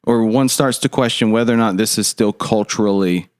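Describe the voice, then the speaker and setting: A man co-hosting a podcast, talking in a relaxed, hesitant way with fillers and light joking. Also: lowish voice, fairly quick, clean tone, dry recording, studio quality. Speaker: podcast co-host. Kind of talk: casual podcast discussion.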